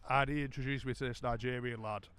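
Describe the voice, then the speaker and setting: British male podcast co-host: mid-pitched, tipsy and rambling, casual storyteller with plenty of swearing. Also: fairly even intonation, fast, a bit bright, clean tone.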